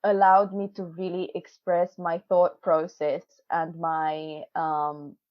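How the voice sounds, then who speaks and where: A woman in her twenties, not a native English speaker, chats casually as a PhD student being interviewed over a video call. Her voice sits on the low side with little pitch movement, and she speaks slowly, laughing often and using lots of fillers and restarts. The audio is dull and dry, with no room sound.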